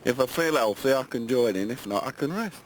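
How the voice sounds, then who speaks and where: Plain-spoken man, mid-pitched. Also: expressive, a little fast, slight background noise, poor audio. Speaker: interviewee. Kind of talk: casual vox pop.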